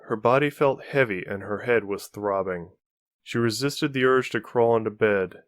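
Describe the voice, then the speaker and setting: A man reads a fan-fiction story aloud with a steady, measured delivery. His voice sits low, and the recording is dry and close. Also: dry recording. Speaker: audiobook reader. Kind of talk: scripted narration of fan fiction.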